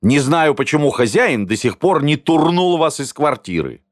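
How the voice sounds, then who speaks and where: A man's voice: low voice, sing-song, brisk, dry recording, studio quality. A man voicing a grumpy, fussy man who grumbles his disapproval in an audiobook. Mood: displeased. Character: grumpy fussy adult man, easily displeased.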